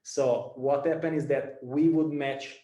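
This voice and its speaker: An Italian man with an Italian accent, a startup founder, gives a talk to students, speaking haltingly with lots of fillers and repeated words. His medium-pitched voice is steady and warm, and the room is echoey.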